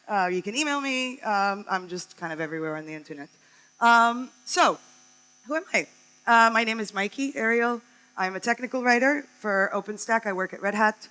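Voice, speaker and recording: A woman's voice: mid-range voice, sharp tone, low-quality recording. A woman from California, giving a chatty, upbeat conference talk on stage, with many ums. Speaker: conference speaker.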